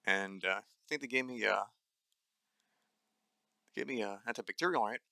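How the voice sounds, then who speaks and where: On the low side and creaky, his bright, forceful voice moves at normal speed with no echo. The young adult host of a nutrition podcast rants solo, blunt and angry in a dry voice, swearing a lot and stumbling over fillers and restarts.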